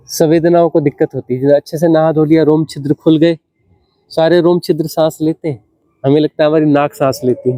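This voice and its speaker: A man, a spiritual teacher, gives an unhurried discourse, repeating phrases for emphasis and asking rhetorical questions. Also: fairly high pitch, warm tone, no echo.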